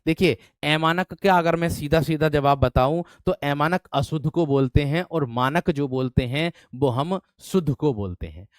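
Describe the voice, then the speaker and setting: A man teaching an online grammar class for exam students, often asking whether the class has understood and repeating words slowly as he writes. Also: on the high side, no echo, studio quality. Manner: repeats words slowly while writing on a board; asks the students frequent check-in questions. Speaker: Hindi teacher.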